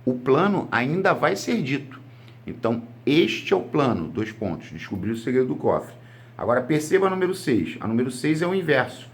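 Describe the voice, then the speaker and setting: A man's voice: medium pitch, very animated, moderate pace. A Brazilian man teaching a grammar lesson for exam prep, explaining step by step and answering his own rhetorical questions. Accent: Brazilian Portuguese.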